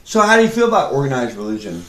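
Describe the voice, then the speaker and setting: Male comedy interviewer, lively swinging intonation, mock-serious questioning, echoey room sound. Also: medium pitch, racing. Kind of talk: improvised mock interview banter.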